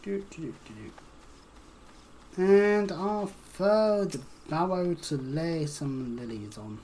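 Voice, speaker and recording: A woman's voice: deep voice, lively intonation, slow pace, dark tone, slight background noise. A woman casually commenting on her gameplay, chatty and humming to herself, swearing now and then. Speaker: streamer.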